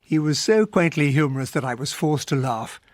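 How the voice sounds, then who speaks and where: An actor playing a loyal, earnest English gentleman captain with an upper-class accent, acting and narrating in a radio drama. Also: a little high, lively intonation, moderate pace, dry recording, lightly acted. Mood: reflective narration.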